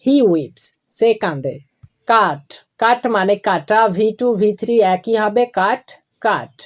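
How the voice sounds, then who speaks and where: A woman teaching English grammar, going slowly and deliberately through each verb form and letting phrases fall low at the ends. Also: lively intonation. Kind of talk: classroom explanation of verb forms.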